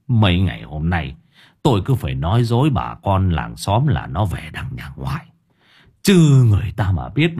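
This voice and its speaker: A man voicing a fretful, lamenting old male market vendor who curses coarsely, in a husky voice. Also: sits low, darkish tone, voice pushed down, full character voice. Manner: whining, lamenting, cursing coarsely.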